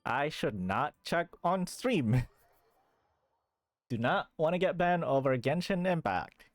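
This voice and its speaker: A woman streaming a video game rambles in casual live commentary, swearing without restraint and reacting with disbelief, while game music plays behind her. Her voice sits low, is expressive and slow, and carries no room sound.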